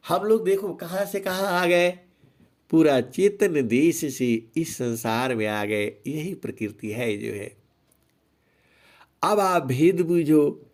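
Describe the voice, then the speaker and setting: Slow-speaking man preaching a spiritual sermon. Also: mid-range voice. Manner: storytelling, slow drawn-out chanting of couplets; frequent filler "जो है". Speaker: satsang preacher. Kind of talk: devotional sermon with sung verses.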